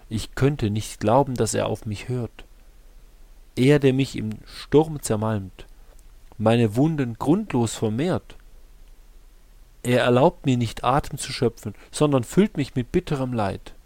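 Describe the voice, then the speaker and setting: A man reads scripture aloud in a slow, unhurried, solemn manner. His voice sits in a middle register, and he is recorded dry and close on a studio mic. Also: medium pitch, a little mellow, no echo. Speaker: scripture reader. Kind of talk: scripted Bible reading.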